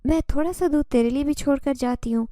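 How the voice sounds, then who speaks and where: A woman's voice: high voice, warm tone, no room sound, clean studio sound, voice pushed up, close to an everyday voice. A woman voicing a homeless female jinn mother who speaks in a strange, coaxing, familiar tone.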